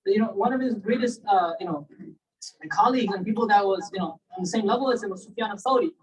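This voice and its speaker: A man giving a casual, animated religious storytelling lecture, often checking in with his listeners. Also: high voice, fast talker, breathy edge. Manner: animated, conversational, asks listeners "right?" and "you know?". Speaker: Islamic lecturer. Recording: distant mic, poor sound quality.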